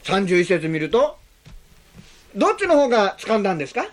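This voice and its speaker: Sermon, pastor, hugely animated pitch, rhetorical questions to the congregation, slows on key words then rushes through explanations. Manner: frequent tag "ne" between phrases; slows on key phrases, speeds up when explaining.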